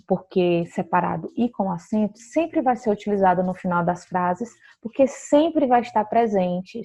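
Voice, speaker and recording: A woman's voice: mid-range voice, vocal fry, darkish tone, slightly rough. A woman teaching a grammar lesson, explaining patiently and often checking in with her students.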